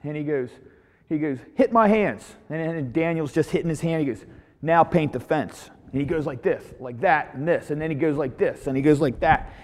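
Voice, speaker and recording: A man with a fairly high voice leads a Bible study in a loose, storytelling sermon style. He retells a story with lively energy and keeps doubling back on his words. His voice carries a long reverb, as in a large hall. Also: a little fast. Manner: animated retelling with frequent repeats.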